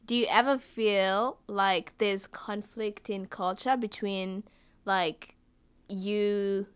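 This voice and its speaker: A woman's voice: mid-range voice, fairly even intonation, slow pace, clean tone. A young woman interviewing someone casually, peppering her questions with "like" and letting her sentences trail off. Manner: casual, many "like" fillers, trailing off softly.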